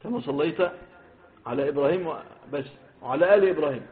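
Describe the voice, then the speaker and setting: A man's voice: a little high, fast, a crowd in the background. A man with an Egyptian Arabic accent teaching a hadith lesson, stressing the quoted wordings and putting questions to his students. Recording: phone-like lo-fi recording.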